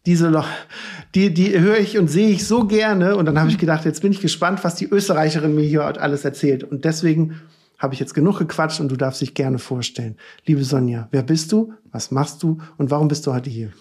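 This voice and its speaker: A man's voice: fairly high pitch, fairly even intonation, fairly quick, a little mellow, slightly rough. A man hosting a podcast, asking long, rambling interview questions in a chatty way. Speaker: podcast host. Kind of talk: conversational interview.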